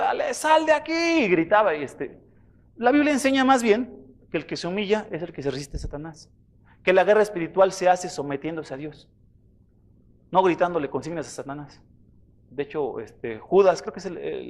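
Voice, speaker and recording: High-voiced man preaching a sermon. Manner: conversational preaching, addresses listeners as brothers. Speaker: pastor.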